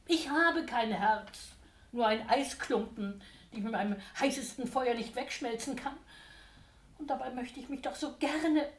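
A woman's voice: measured pace, roomy sound, close to an everyday voice. A woman voicing a scheming, fawning male Devil who talks like a wheedling salesman, in a read-aloud story. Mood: self-pitying. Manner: wheedling, theatrical, swings between whining and eager pitching.

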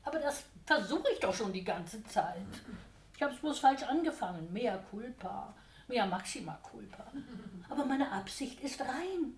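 A woman's voice: lively intonation, measured pace, a little mellow, roomy sound, a little hiss or hum. A woman voicing a scheming, fawning male Devil who talks like a wheedling salesman, in a read-aloud story. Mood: ingratiating. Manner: wheedling, theatrical, swings between whining and eager pitching.

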